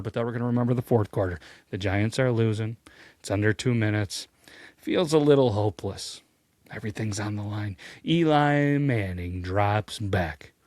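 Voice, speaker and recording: Animated man hosting a sports countdown. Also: dry recording, clean studio sound. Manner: animated, jokey, pitch swings when excited. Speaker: host. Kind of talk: energetic sports commentary.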